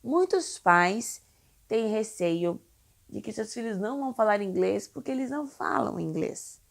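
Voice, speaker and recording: A woman's voice: medium pitch, animated, a little slow, vocal fry. A young woman from Brazil, an English teacher for children, explaining in a chatty, reassuring way with frequent tag questions. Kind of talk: casual explainer video.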